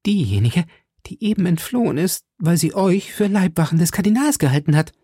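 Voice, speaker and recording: A man's voice: sits high, very animated, fairly quick, warm tone, breathy edge, dry recording, clean studio sound, voice pushed up, heavily acted. A man voicing a frightened young woman who grows faint, with a breathless, pleading, lifted voice. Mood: anxious.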